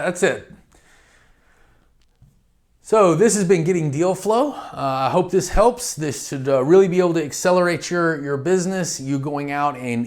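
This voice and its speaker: A middle-aged man giving a training lecture on real estate investing, talking directly and conversationally and acting out phone calls to realtors. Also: medium pitch.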